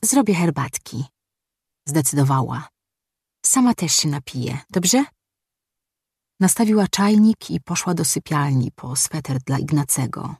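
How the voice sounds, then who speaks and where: A woman narrates a novel in a calm, steady audiobook reading. Her voice is husky and slightly breathy, recorded close and dry with no room echo. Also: sits low. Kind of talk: scripted narration.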